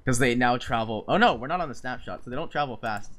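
A man's voice: mid-range voice, expressive, quick pace, fairly bright tone. A young man hosting casual gameplay chat, joking with friends, restarting sentences and breaking into laughter. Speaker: gaming channel host.

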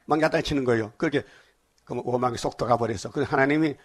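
An older man preaching at a dawn service, folksy and lively, quizzing his listeners and acting out scripture scenes. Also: mid-range voice, racing. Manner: lively, folksy, asks the congregation questions; acts out scripture dialogue in dialect. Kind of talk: dawn sermon.

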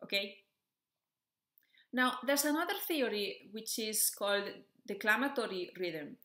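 A woman explaining a topic in a clear, methodical way as a music educator, often checking in with "okay" and "so". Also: mid-range voice, animated, a little slow, fairly bright tone, roomy sound. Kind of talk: explanatory video lesson.

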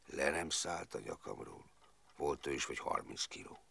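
A rueful, plain-spoken former footballer rambles through his memories in a deep, gravelly voice. His pitch swings widely as he talks, stringing clauses together with fillers. The sound is close and dry. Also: animated, a bit bright, full character voice. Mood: rueful recollection. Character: rueful, plain-spoken man recalling wartime years. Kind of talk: film monologue.

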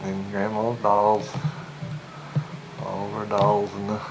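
A man narrating a family home video from behind the camcorder, chatty and relaxed, recorded on an old VHS tape. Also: on the low side, slow pace, over music, poor audio. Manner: relaxed, chatty, mumbling asides. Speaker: home video camera operator. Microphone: camcorder built-in mic.

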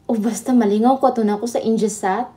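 Woman, livestream host, chatty and laughing, mellow tone. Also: fairly high pitch, fairly even intonation, quick pace, a little hiss or hum. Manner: chatty, laughing, switching between Tagalog and Visayan. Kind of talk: casual live chat with viewers.

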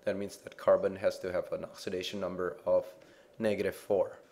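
A man with a fairly low voice walks through a chemistry lesson. He explains step by step, pausing to check in with "okay?", in a patient teacher's manner. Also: little pitch movement, darkish tone. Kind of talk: explaining slides in a lecture.

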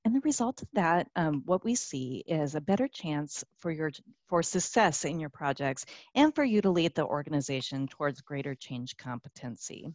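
A woman's voice: deep voice, animated, moderate pace, few pauses, darkish tone, no room sound. A woman co-presenting a business webinar over a conference call, upbeat, with frequent fillers and restarts. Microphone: conference call line.

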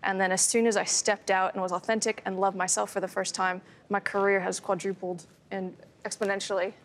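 An American woman in her thirties, a guest artist telling her story in a TV studio interview, with an animated, quick manner, on a lapel mic. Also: mid-range voice, slight background noise. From United States.

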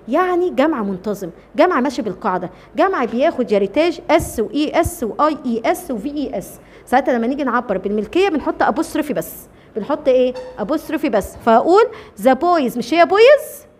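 A woman's voice: sits high, big pitch swings, fairly quick, darkish tone. A woman with an Egyptian Arabic accent teaching children English grammar. She keeps asking questions, answers them herself and repeats the key words. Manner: calls children by name and coaxes them along.

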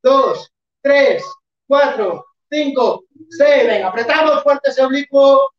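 A fitness instructor with a high, animated voice counts reps slowly during a live online workout, encouraging the class and sometimes shouting. The recording is dull lo-fi from far off in an echoey room, with slight background noise.

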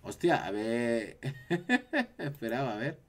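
A man's voice: mid-range voice, sing-song, slow pace. A man from Spain with a Spanish accent, chatting casually on a live stream and reacting to his chat.

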